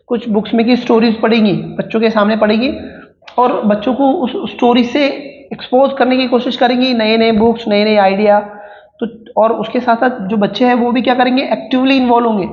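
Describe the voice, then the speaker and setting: A woman with an Indian English accent explaining exam questions as an exam prep teacher, reading each question slowly and then explaining it in casual Hindi. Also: on the high side. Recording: echoey room, dull lo-fi sound.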